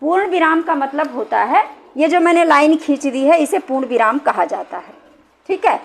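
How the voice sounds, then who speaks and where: A woman with a high, light voice teaches a grammar lesson. She talks patiently, repeats her points and keeps checking that her listeners follow. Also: expressive, moderate pace, gravelly. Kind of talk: explaining a Hindi grammar lesson.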